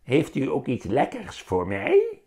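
A man's voice: mid-range voice, wildly swooping pitch, slow pace, gravelly, dark tone, voice pushed up, exaggerated voice. A man voicing a spooky plant-eating customer in a put-on creepy voice.

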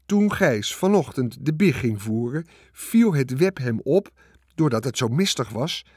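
A man's voice: mid-range voice, normal speed, no room sound, clean studio sound, natural voice. Storybook farmer, middle-aged man, grave and insistent, voiced by a male narrator. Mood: excited insistent. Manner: rising to excited, insistent declaring.

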